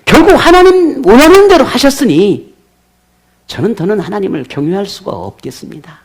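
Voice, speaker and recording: A man's voice: high voice, lively intonation, moderate pace, slightly rough, pitched above the performer's own voice. A man voicing a resentful grown man who complains bitterly to God in indignant protest.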